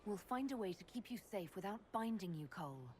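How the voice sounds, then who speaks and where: A composed, caring female leader, played by an actress in a fantasy game. She speaks directly and evenly at a medium pitch, in a reverberant space with background noise. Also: lively intonation, a little fast, a little mellow, close to an everyday voice. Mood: concerned, reassuring. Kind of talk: video game voice acting.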